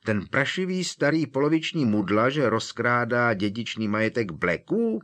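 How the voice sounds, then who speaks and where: A man's voice: on the low side, expressive, fairly bright tone. A man voicing a pompous old former headmaster in a portrait, haughty and hissing, in an audiobook reading. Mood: furious. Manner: haughty, hissing when angered. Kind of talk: audiobook character voice.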